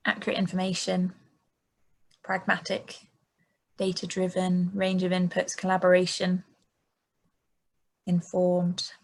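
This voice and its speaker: Woman hosting a webinar on a video call, bit of vocal fry, husky, polite and informal. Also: on the low side, completely flat delivery, measured pace, pauses often, poor audio. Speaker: session host. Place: video call with screen sharing.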